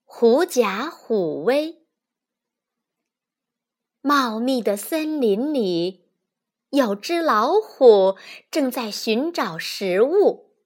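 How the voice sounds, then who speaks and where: A woman hosting a children's reading show, telling fables to the listeners in a gentle storytelling voice. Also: fairly high pitch, animated, extremely slow, pauses often. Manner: gentle, addresses listeners as darlings. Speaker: children's textbook reader, host.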